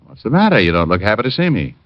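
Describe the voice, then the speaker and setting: A deep-voiced American man plays a wry, shrewd radio private detective, racing through hard-boiled first-person narration with big pitch swings and a mock-friendly, sardonic, teasing needle. It's 1940s-50s radio acting on a muffled old recording with music and no room sound.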